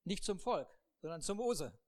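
Lively humorous preacher. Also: mid-range voice, normal speed. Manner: humorous, laughs often, acts out the people in the story. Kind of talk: sermon with acted-out Bible scenes.

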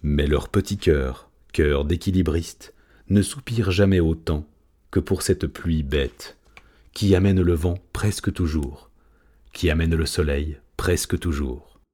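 A calm male poet speaks in a deep, measured voice, as a reader plays him. He speaks gently and evenly, storybook style. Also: slightly rough, heavily acted. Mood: recital. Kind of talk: audiobook reading.

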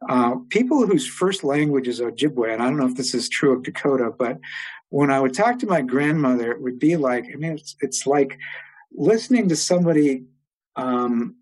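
An older man, an interview guest, telling long stories in a rambling way with many pauses and fillers. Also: medium pitch, lively intonation, darkish tone, breathy edge, rough recording. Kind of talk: oral history storytelling.

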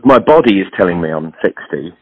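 A British clothing entrepreneur in his sixties, a podcast guest, talks frankly in a rambling, self-deprecating way. His voice is low-pitched, husky, fairly quick and lively in intonation. The sound is lo-fi with no room sound.

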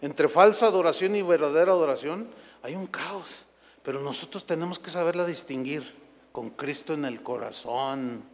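A man from Mexico preaching a Sunday sermon as pastor, animated and acting out scenes from scripture in quoted voices. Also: on the high side, moderate pace, big-room sound. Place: church sanctuary.

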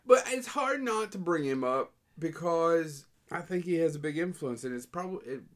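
Offhand joking man, slightly high voice. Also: lively intonation, moderate pace. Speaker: podcast co-host. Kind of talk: casual chat.

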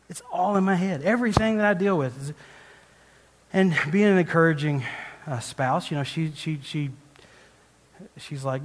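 A slightly high male voice carries a guest speaker's conversational sermon, a personal story told in a rambling, self-deprecating way. Frequent restarts and laughs punctuate it, and the recording has long hall reverb.

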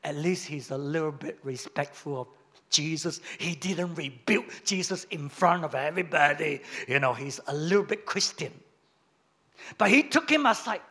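A male pastor preaching a sermon, swinging from loud emphatic lines to quiet, low asides. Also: normal speed.

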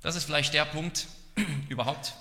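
A man preaching an expository sermon in an earnest, measured way. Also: on the high side, bright, forceful tone. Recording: long hall reverb.

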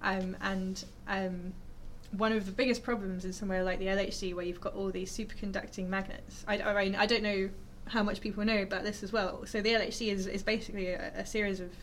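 A woman's voice: mid-range voice, little pitch movement, a little fast, hardly any pauses, slight background noise. A woman, a scientist, explaining physics informally to listeners, chatty and enthusiastic, with lots of fillers and restarts. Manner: chatty and enthusiastic, full of fillers and self-corrections.

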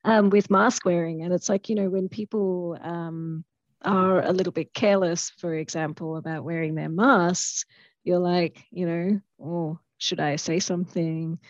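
A woman's voice: fairly low pitch, steady tone, moderate pace, no room sound, lo-fi sound. A woman who is losing her voice, a lawyer speaking as a podcast guest in a thoughtful way, with many fillers and restarts. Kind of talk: casual interview conversation.

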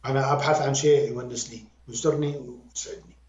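Fast, animated Iraqi man in echoey room. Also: mid-range voice, slight background noise. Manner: animated, emphatic, repeats words for stress. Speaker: music critic and guest. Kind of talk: conversational critique. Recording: roomy, dull lo-fi sound.

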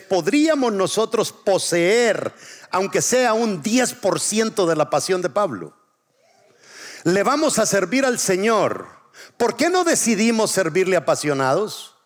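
A male pastor preaching a sermon. He asks the congregation to repeat words after him and stretches out key phrases. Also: high voice. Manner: call-and-response preaching, drawn-out emphasis.

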